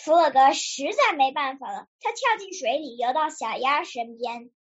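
A woman's voice: sits high, expressive, moderate pace, muffled recording, slight background noise. A young girl reading a children's story aloud for a radio program, in an earnest, careful way with small slips.

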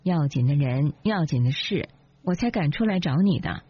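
一位女性朗读者演绎一个说话尖刻、满含讥讽、醋意十足的年轻妻子，嗓音略带沙哑。. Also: female voice, low-pitched, expressive, normal speed, slightly rough, dry recording. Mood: sarcastic. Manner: sarcastic, cutting. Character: sharp-tongued jealous young wife. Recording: dull lo-fi, dry.

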